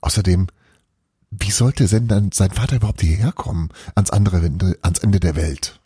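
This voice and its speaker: A man reading an advent story aloud in a lively, expressive way. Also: low-pitched, normal speed, slightly rough, dry recording, studio quality.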